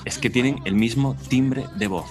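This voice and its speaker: A man's voice: mid-range voice, moderate pace, soft background music. A man co-hosting a talk show, rambling and breaking into laughs as he talks. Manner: rambling, laughs mid-sentence. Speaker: co-host. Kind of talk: casual chat.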